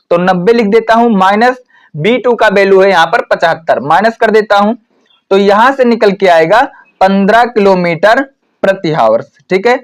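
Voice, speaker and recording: Male math tutor, pitched high, patient stepwise explanations for exam students. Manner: explains step by step with frequent "ठीक है" fillers. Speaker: math teacher. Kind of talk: exam-prep math lesson.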